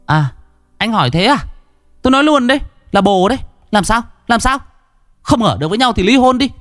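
A man putting on a shrill, scornful young wife. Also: racing, mellow, soft background music, close to an everyday voice. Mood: defiant shrill. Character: defiant, contemptuous young wife who shrieks back.

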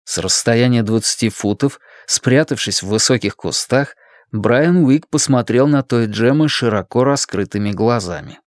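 A man with a mid-range voice narrates an audiobook from a script, telling the story in a measured, expressive manner. The studio sound is clean with no echo.

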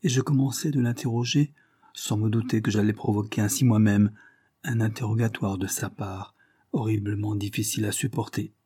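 A man narrating a classic novel as an audiobook, measured and earnest in his storytelling. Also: lowish voice, steady tone, dark tone, slightly rough, no room sound.

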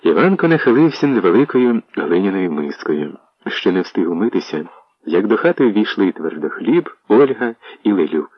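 Male audiobook narrator, low husky voice, dry dull recording. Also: moderate pace, dry recording. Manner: steady storytelling. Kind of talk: scripted narration.

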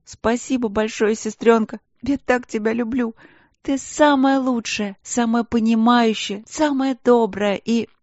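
A woman's voice: mid-range voice, unhurried, dark tone, no room sound, highs cut off, pitched above the performer's own voice, lightly acted. A woman voicing a stubborn, tearful young princess who pleads and stammers through her sobs. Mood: grateful.

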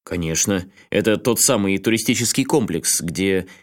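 A man voicing a calm, doubtful middle-aged man who answers in a level, skeptical way. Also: low voice, normal speed, close to an everyday voice.

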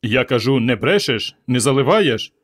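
A man voicing a brash, blustering young man in a storybook reading, quick to bellow and scold. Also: medium pitch, very animated, breathy edge.

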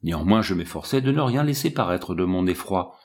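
A man with a low voice reads a classic adventure novel aloud. His reading is expressive and dramatic, and it keeps the tension up. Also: a little fast. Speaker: audiobook narrator. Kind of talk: scripted narration of a novel.

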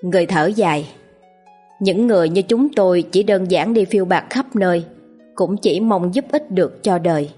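A woman narrating a ghost story in a slow, steady reading voice. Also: fairly low pitch, faint music behind.

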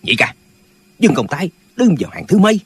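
A man's voice: high voice, huge pitch swings, fast talker, a little hiss or hum. A man voicing squabbling old martial-arts brothers. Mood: quarrelsome. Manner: bickering, pedantic, squabbling. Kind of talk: audiobook character voices.

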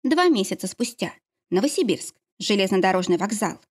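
A woman narrating a novel in an expressive storytelling manner. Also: medium pitch, normal speed, slightly rough. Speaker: audiobook reader. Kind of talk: scripted narration.

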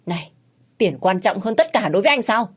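A woman's voice: lively intonation, fairly quick, husky. A woman voicing a desperate middle-aged wife and mother who pleads and cries out. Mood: frantic. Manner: pleading, shrill, frantic.

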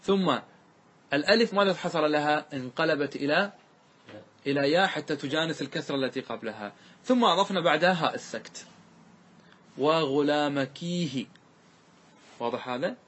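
A male sheikh with a slightly high, husky, somewhat bright and expressive voice gives a lesson on classical Arabic grammar. He takes each rule one step at a time, keeps checking that his listeners are with him, and stretches out example words slowly as he recites them.

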